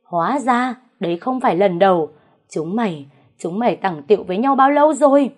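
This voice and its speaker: A furious young wife, jealous and betrayed, screaming curses and jabbing accusations through tears, as a woman storyteller puts her on. Her low-set voice spikes into raw shrieks in this audio story. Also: animated, normal speed, a little mellow, breathy edge. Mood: shrieking.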